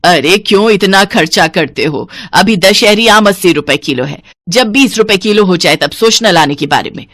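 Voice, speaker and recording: A woman's voice: medium pitch, expressive, moderate pace, few pauses, a bit bright, no room sound, clean studio sound. Woman voicing a stingy scheming mother-in-law. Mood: scolding. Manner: penny-pinching, scolding, bossy. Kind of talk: cartoon voice acting.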